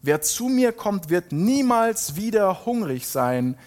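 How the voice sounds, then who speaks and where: A man's voice: high-pitched, very animated, darkish tone. A man reading a Bible passage aloud and stopping now and then to comment on it in a casual, emphatic way. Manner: reads scripture slowly with emphatic rises, then comments casually. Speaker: preacher.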